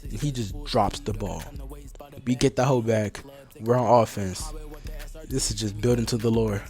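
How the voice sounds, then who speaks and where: A young man giving casual, slangy, excitable commentary on his old game footage. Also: on the low side, moderate pace, soft background music. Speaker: vlogger.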